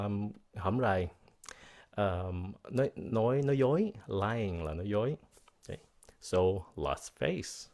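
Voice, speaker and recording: A man teaching English vocabulary, switching between English and Vietnamese. His voice sits fairly low, and he talks at an unhurried pace, repeating each word carefully so it is easy to copy. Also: a little mellow. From United States. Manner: slow, deliberate, spells out pronunciation and switches between English and Vietnamese. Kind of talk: bilingual vocabulary lesson.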